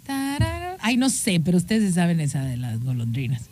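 A woman's voice: deep voice, sing-song, brisk, darkish tone, slight background noise. A woman with a Mexican accent hosts a show. She tells history in a casual, playful, teasing way. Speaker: host.

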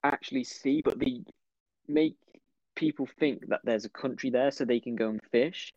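A young man hosting a casual podcast chat, animated, jumping between topics and mocking other people's voices. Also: mid-range voice, moderate pace, no echo, muffled recording. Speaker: podcast host.

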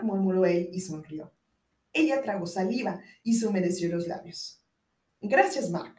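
A woman reads a novel aloud at a middle pitch, with expressive delivery. The room adds a clear, roomy echo to her voice. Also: far from the mic. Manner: expressive reading with voiced dialogue. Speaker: narrator. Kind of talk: audiobook narration.

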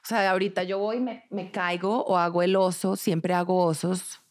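A woman's voice: on the low side, fairly even intonation. Bubbly Colombian woman, self-mocking. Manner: bubbly and self-mocking, quick, laughing often. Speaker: podcast guest. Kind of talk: casual chat.

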